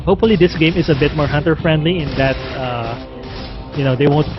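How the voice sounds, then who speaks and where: A man calls an esports match live in a higher-pitched voice, with plenty of fillers as he explains the play. The stream audio is dull and lo-fi. Loud game music runs behind him throughout. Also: a little fast. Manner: conversational, with frequent fillers. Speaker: esports caster.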